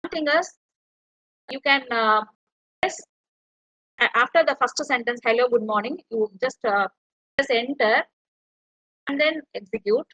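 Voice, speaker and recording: A woman's voice: sits high, a little slow, long pauses, pushed and bright, no echo, dull audio. A woman lecturer, explaining step by step as she types in an online tutorial. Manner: explains step by step while typing.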